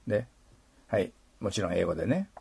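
A middle-aged man teaching English pronunciation, modeling sounds and slowly repeating phrases. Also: low-pitched, sing-song, gravelly, darkish tone, slightly rough, no room sound. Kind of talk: explaining pronunciation in a lesson.

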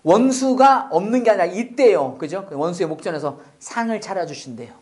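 A man preaching a sermon as a pastor, with joking asides, swinging from loud exclamations to near-whispers. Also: high voice, lively intonation, brisk.

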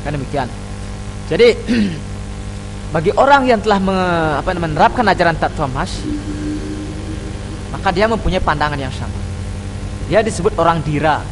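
A man in his thirties gives an earnest religious talk from a table in a small room, slowing down to chant scripture verses. His voice sits a little high for a man. A desk microphone picks him up, with a steady hum of traffic and engines behind. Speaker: panel speaker. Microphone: desk microphone on stand.

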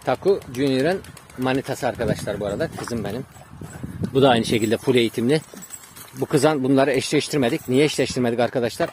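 A man's voice: medium pitch, slight background noise. A man, a pigeon breeder, chatting casually to his viewers from his garden and calling out to his dogs now and then. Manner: chatty, addresses viewers as friends, shouts dog commands. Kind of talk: casual vlog talk to viewers.

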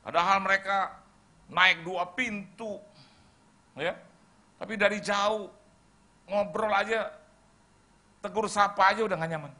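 A man's voice: sits high, unhurried, long pauses. A middle-aged man preaching a sermon, telling stories and acting out little conversations. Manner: lively storytelling, acting out dialogue. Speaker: pastor. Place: church hall.

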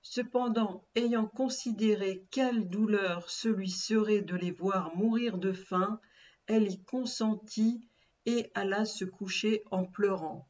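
Woman teacher reading a dictation, deliberate and repetitive, mid pitch, muffled recording. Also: fairly even intonation, darkish tone. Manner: slow and deliberate, repeating and spelling words aloud. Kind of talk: dictation lesson.

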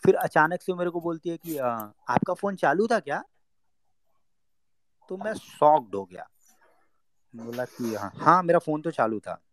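A young man telling a personal story in a casual talk. He acts out the lines of the people in it and drops to a low murmur for his own thoughts. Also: expressive, measured pace, long pauses, slight background noise.

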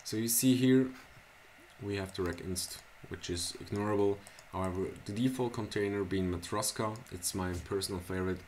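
Soft hiss and keyboard clicks from a desk mic underlie this casual screencast, recorded in a small indoor room at a computer. The presenter, a Swiss man whose first language is Swiss German, explains software in a very low, deep voice, slow and halting, with fillers and restarted words.

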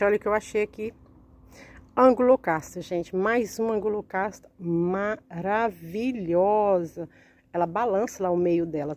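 Walking through a big orchid greenhouse with her phone in hand, a woman from Brazil vlogs casually, addressing her viewers again and again and raving about each bloom. She speaks at medium pitch with a dark tone.

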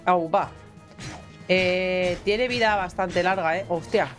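A woman's voice: fairly low pitch, slow pace. A woman with a Spain Spanish accent giving casual gameplay commentary, chatty and exclamatory and swearing casually. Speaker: gaming streamer. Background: faint game music.

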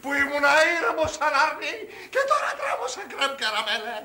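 A timid, henpecked husband in a 1980s film comedy. His voice is high and bright and wavers all over as he pleads. A roomy echo hangs around him. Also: very animated, full character voice. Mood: meek pleading. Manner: pleading, timid but peevish.

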